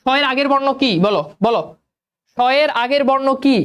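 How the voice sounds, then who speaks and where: A young male teacher runs a spelling lesson in a fairly high voice. He keeps repeating his questions and urges the students to answer. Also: moderate pace, fairly bright tone. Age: young adult.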